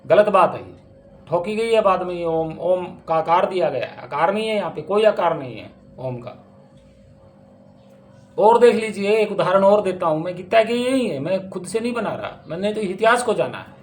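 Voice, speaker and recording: A man with a notably high voice delivers a spiritual discourse on scripture. He speaks emphatically and keeps asking pointed rhetorical questions. Faint instrumental music plays underneath. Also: animated, moderate pace. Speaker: spiritual teacher.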